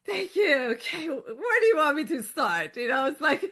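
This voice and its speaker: A middle-aged woman from Iran, a guest in an interview, talking in a lively way and often laughing as she tells her story. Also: high voice, moderate pace. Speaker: podcast guest. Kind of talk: conversational interview.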